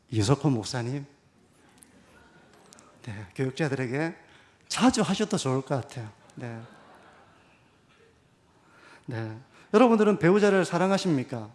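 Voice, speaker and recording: A middle-aged man preaching a sermon as pastor, earnest, acting out the warm and scolding words of the people he quotes. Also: fairly high pitch.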